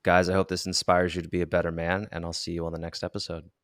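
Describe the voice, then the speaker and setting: A man's voice: low-pitched, completely flat delivery, quick pace, no echo. A man hosting a podcast, speaking in a reflective, hesitant way with many restarts. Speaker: podcast host. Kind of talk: casual interview chat.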